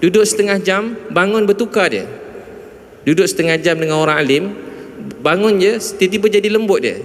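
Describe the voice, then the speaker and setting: A man with a Malaysian Malay accent giving a storytelling religious talk to a mosque audience, rising emphatically at high points. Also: brisk. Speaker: visiting preacher. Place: large mosque hall. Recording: reverberant mosque hall.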